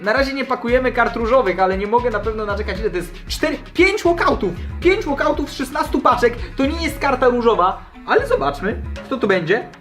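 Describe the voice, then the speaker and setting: A man with a hoarse, sore throat giving eager, exclaiming commentary as a gaming channel host. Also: very high-pitched, expressive, fast, hardly any pauses, a bit bright, faint music behind. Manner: eager, exclaims at each card. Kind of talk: excited pack-opening commentary.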